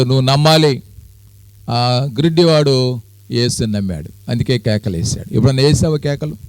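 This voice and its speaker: A middle-aged pastor preaching a sermon, asking the congregation questions and answering them himself, rising to high loud climaxes and dropping low. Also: male voice, no room sound.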